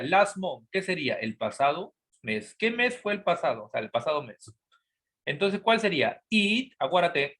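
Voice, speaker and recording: A male teacher with a fairly high, lively voice walks students through grammar, repeating every rule. He asks the class a question, then answers it himself as an imagined student, dropping to a quiet mutter at the end of those replies. His voice rises and falls a great deal as he talks. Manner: spells out each word and repeats each rule. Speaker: English teacher.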